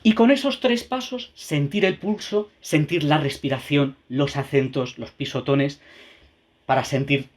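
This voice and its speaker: A man with a highish voice and measured pace trains music teachers online through a video call mic. He reasons out loud, using many tag questions and repeated words, and chants rhythm syllables to demonstrate the beat.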